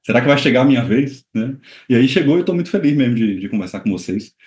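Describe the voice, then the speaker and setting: A man's voice: mid-range voice, quick pace, darkish tone, roomy sound. A man, a guest composer chatting casually over a video call, rambling with many fillers. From Bahia, Brazil. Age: 30s.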